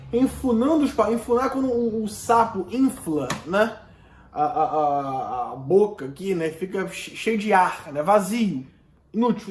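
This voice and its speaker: A Brazilian man, a literature teacher, explaining a poem in a recorded lesson, often checking in with "né?" and reading verses slowly. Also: sits high, echoey room. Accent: Brazilian Portuguese. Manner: reads verses aloud slowly, then explains with many "né?" checks.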